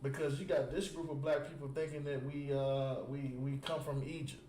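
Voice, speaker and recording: A man preaches in an emphatic, repetitive style and keeps checking whether his listeners follow. His voice sits somewhat high. The recording rings with echo, with a faint hiss of noise underneath. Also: level tone, normal speed, mellow. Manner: keeps asking "You understand?" after nearly every point; emphatic, repeats words while building a point. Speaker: religious teacher. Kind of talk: street preaching with call and response. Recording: echoey space with faint background noise.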